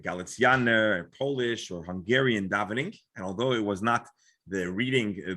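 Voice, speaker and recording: An American rabbi from Florida explains things informally during a religious class discussion, often restarting and qualifying what he says. His voice is fairly low in pitch with a fairly bright tone.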